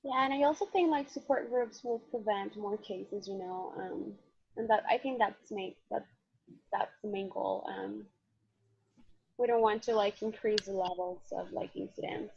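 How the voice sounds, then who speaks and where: Brief: young woman, gravelly and hesitant, muffled lo-fi call audio. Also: mid-range voice, moderate pace, darkish tone, dry recording. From El Salvador. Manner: hesitant, searching for words. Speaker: student. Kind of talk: casual group discussion. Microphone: video call. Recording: dull lo-fi video call audio.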